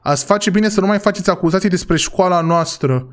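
A woman's voice: fairly low pitch, close to an everyday voice. A man voicing a stern, evasive school principal in a role-play game. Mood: cold, defensive.

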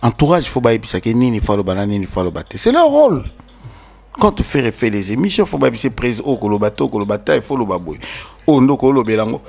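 Man talking music, animated. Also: on the low side, quick pace, gravelly. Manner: mixes French and Lingala, animated, repeats words. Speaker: guest commenting on music news. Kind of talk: casual interview talk.

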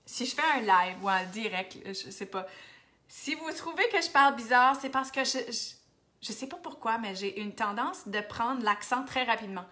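A woman's voice: on the high side, moderate pace, bright, forceful tone. A woman from New Brunswick with an Acadian French accent, chatting casually on a live stream as she answers viewers' comments and slips into English now and then. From New Brunswick, Canada. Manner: chatty, switches to English, drops to near-whispers now and then. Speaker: makeup seller hosting a Facebook live.

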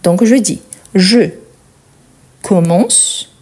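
A woman teaching French verb conjugation, explaining slowly and stressing each example word, often checking in with "Ok?". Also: medium pitch, a little mellow, husky. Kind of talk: conjugation lesson.

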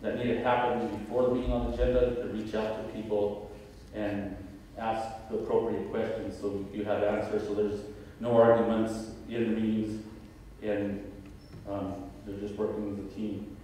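Halting man at a podium in an echoey hall. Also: on the low side, level tone, dark tone, slight background noise. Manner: halting, many fillers and restarts. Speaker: school board candidate. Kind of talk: candidate forum answers, unscripted. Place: large auditorium stage at a podium. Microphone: podium mic from a far camera. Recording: echoey hall heard from far off.

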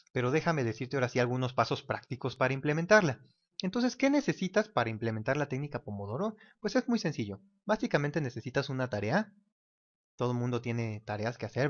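Man, casual whiteboard lesson, mid pitch, dull recording. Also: expressive, fairly quick. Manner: casual, talks while drawing, mimics ticking clock. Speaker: teacher.

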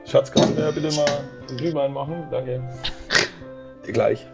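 Male player: mid-pitched, gravelly, casual joking banter under loud music. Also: steady tone, unhurried. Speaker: player and co-host. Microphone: voice chat over a game.

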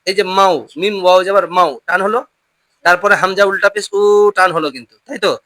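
A Quran reading teacher giving a patient lesson, drilling pronunciation call-and-response, often repeating questions and slowing down to model each word. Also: mid-range voice, steady tone, fairly bright tone, dry recording.

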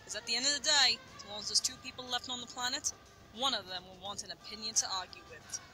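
A woman voicing a sarcastic female online reviewer character who lectures with quick wit. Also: a little high, bright, forceful tone, a little hiss or hum. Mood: smug.

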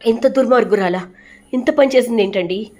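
A woman's voice: fairly high pitch, a little fast, warm tone, voice pushed up, close to an everyday voice. A woman voicing a remorseful, tearful mother. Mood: distressed. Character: distraught middle-aged mother, remorseful.

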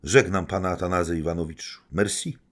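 A man's voice: low-pitched, steady tone, brisk, voice pushed up. A man reading an audiobook, voicing an imperious, defiant young society woman in a raised, commanding tone.

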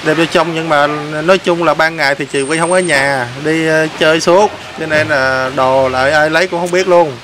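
A man's voice: fairly high pitch, fairly even intonation, moderate pace, few pauses, noisy background. A man hosting a vlog, teasing and prodding someone with repeated questions. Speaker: vlog host. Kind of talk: teasing casual chat on camera.

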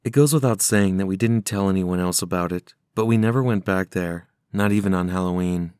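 A man narrating scary stories from a script in a measured, serious way. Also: sits low, darkish tone, clean tone, no room sound, clean studio sound. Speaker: horror story narrator. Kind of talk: scripted horror story narration.

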